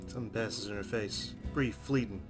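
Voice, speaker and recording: A let's player with a lowish voice reads visual novel narration aloud at a moderate pace. Game music featuring plucked guitar sits under his voice.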